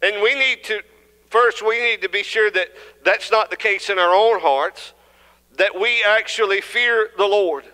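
Young southern guy preaching at a pulpit, fairly high voice, ringy church room. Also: a little slow, bright, forceful tone, clean tone. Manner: earnest, rising in intensity, many restarts. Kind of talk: sermon. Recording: church hall reverb.

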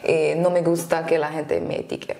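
A young woman from Congo, a singer being interviewed, answering softly and hesitantly with many fillers. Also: low-pitched, flat delivery, normal speed, echoey room. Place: small indoor studio, seated.

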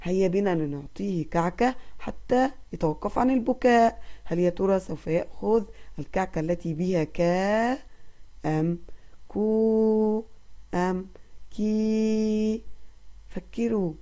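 A woman teaching a recorded lesson to kindergarten children. She praises them gently often and draws out sounds for them to repeat. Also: mid-range voice, normal speed.

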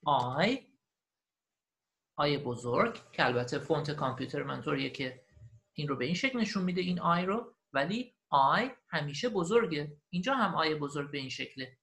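A male English teacher records a screen-capture lesson, his voice rising and falling a great deal as he explains. He models each phrase slowly and carefully, then switches to quick, chatty explanation. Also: on the high side, lively intonation, gravelly, a bit bright. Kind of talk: recorded online language lesson.

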